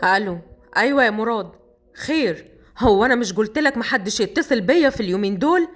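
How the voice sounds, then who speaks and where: Woman storyteller lowering her voice for a gruff young Egyptian man: commanding, quick to anger, storybook drama. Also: lively intonation. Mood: angry. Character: tough young Upper Egyptian man, hot-tempered.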